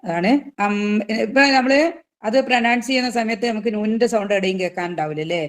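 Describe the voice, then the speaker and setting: Speaking in a mid-range voice, this female tajweed teacher explains the rules with patience, puts questions to her students, and recites her examples in a slow, drawn-out way.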